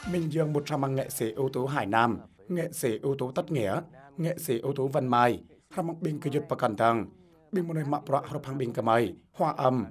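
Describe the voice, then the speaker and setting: A man giving scripted narration for a television feature, reading in a steady, even way. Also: mid-range voice. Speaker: news narrator.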